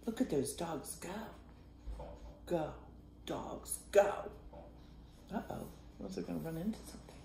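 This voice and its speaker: An older woman, a grandmother, reading a picture book aloud to a child with playful, softly whispered asides. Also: on the low side, animated, moderate pace, creaky, slight background noise. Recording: roomy echo.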